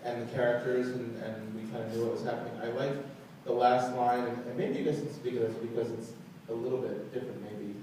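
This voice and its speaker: A man's voice: medium pitch, level tone, brisk, warm tone. A man, a literary agent on a panel, speaking casually with many fillers. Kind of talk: panel discussion. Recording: echoey room, distant mic, audible noise.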